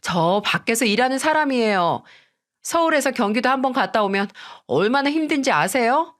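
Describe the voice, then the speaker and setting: Brief: woman doing a snippy, high-pitched sister-in-law in a radio story, lazy and dismissive. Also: animated, normal speed, fairly bright tone. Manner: dismissive, whiny.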